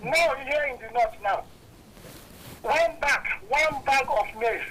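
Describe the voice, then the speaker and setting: Phone-in caller: Nigerian man, bright edge, clipped phone line with faint hiss, earnest and halting. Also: very high voice. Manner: earnest, halting, repeats himself. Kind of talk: call-in comment on a talk show.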